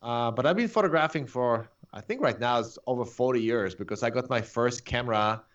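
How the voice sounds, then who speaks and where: A man's voice: medium pitch, a little fast, highs cut off. A man in his forties from Poland with a strong Polish accent, a guest chatting easily in an interview and laughing often. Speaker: guest photographer. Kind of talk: casual interview chat.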